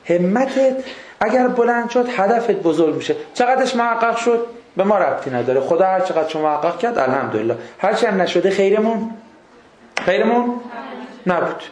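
Guy giving a casual religious talk, high voice, lots of rhetorical questions, echoey room. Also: expressive. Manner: conversational, rhetorical questions and jokey anecdotes. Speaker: religious speaker. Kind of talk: informal religious lecture.

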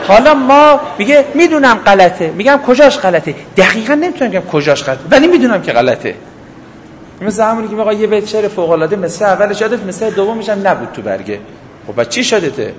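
A man's voice: sits high, sing-song, a little hiss or hum. A man giving a religious lecture, firing off rhetorical questions and acting out short everyday dialogues. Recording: echoey hall, faint ambience.

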